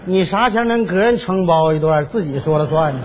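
A man's voice: a little high, lively intonation, brisk, a loud crowd, very noisy, lightly acted. A man with a Northeastern Chinese accent playing a stubborn, bashful old rural widower in a stage comedy sketch, talking in grumbling folksy banter. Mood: lecturing. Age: older. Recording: dull lo-fi archive TV recording.

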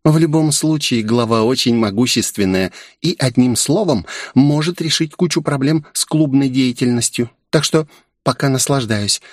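A man voicing a shy, clingy young woman in an audiobook, speaking in a soft, pleading, raised voice. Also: medium pitch, normal speed, no room sound, clean studio sound, pitched above the performer's own voice, natural voice. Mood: confiding.

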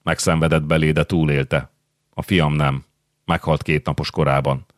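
A man's voice: very deep voice, flat delivery, no echo, studio quality. A man voicing an anxious, desperate young nobleman who pleads and confides in an audiobook. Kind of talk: audiobook character reading.

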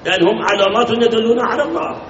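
Man preaching, high pitched, emphatic, repeats words, asks the crowd questions; distant mic, echoey hall, lo-fi. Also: rapid-fire, a bit bright, slight background noise. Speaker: cleric. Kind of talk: sermon.

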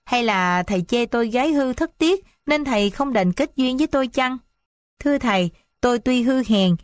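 A woman's voice: a little high, no echo, clean studio sound, natural voice. A woman voicing a devoted young mother of noble birth in a read-aloud story, pleading and heartfelt. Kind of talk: audiobook character reading.

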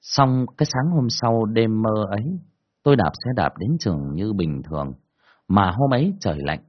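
A man telling a first-person ghost story in a colloquial, earthy, expressive way, in a dull lo-fi recording. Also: on the low side, moderate pace.

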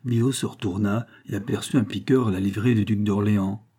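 A man reading a classic novel aloud as an audiobook narrator, in a steady, measured storytelling voice. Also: lowish voice, breathy edge.

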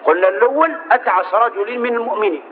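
A man's voice: sits high, very fast. A man preaching a sermon, telling stories and rising to emphatic exhortation. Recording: tinny lo-fi recording with faint hiss.

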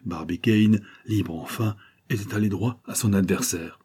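A man narrating a classic novel as an audiobook, in a measured, literary reading. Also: lowish voice, dark tone, breathy edge.

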